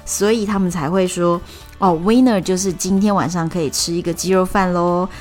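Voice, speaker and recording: A woman podcast host with a Taiwanese Mandarin accent tells a story in a relaxed, chatty way. Her voice sits a little low, and she explains each point patiently, stretching out her sentence particles. Soft music plays faintly underneath. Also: normal speed.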